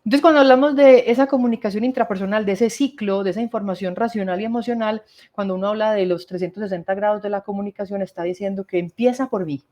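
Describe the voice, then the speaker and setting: A woman's voice: mid-range voice, quick pace, hardly any pauses, darkish tone, lo-fi sound. A woman gives a workshop talk on communication, explaining step by step and asking rhetorical questions. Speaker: workshop speaker.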